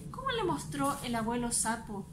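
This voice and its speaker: A woman reading a children's story aloud in a lively, expressive way, then asking parents questions about it. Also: on the high side, moderate pace, heavy background noise. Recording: echoey room.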